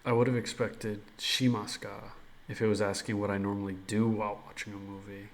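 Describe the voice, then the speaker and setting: Low voice guy learning japanese, thinking out loud, halting learner delivery on the japanese bits. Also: level tone. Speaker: student of Japanese practising speaking. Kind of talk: language practice, thinking aloud.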